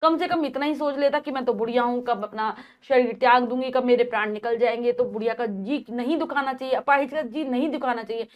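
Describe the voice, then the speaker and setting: A woman's voice: a little high, a little fast, hardly any pauses, highs cut off. A woman teacher who reads a play to her pupils and explains each line in plain words.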